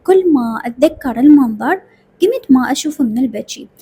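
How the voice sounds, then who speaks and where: A woman's voice: high voice, expressive, brisk, mellow, slightly rough. A woman with an Iraqi accent narrating a dramatic story in the first person, emotional and tearful. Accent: Iraqi Arabic.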